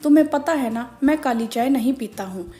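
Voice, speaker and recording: Brief: a woman playing a pushy husband in a storybook reading, quick and complaining, mellow tone. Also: sits high, lively intonation. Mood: impatient. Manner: impatient, pushy. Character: hurried husband, impatient office-goer.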